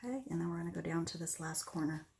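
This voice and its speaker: A woman casually talking through a hands-on craft demonstration step by step, in an unhurried way. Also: fairly low pitch, gravelly, a little mellow. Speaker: host of an acrylic pour painting tutorial. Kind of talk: casual craft demonstration, narrating as they work.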